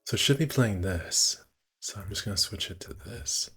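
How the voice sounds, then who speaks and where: Streaming a visual novel casually, this man reads the narration aloud and corrects himself in muttered asides. His voice is lowish, slightly rough and sharp in tone, animated and at a moderate pace.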